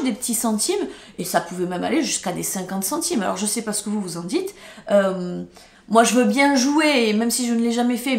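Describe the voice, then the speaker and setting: A woman's voice: a little high, gravelly. A woman from France telling a storytime vlog in an emotional, indignant way, swearing when she gets angry. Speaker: YouTuber. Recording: roomy echo.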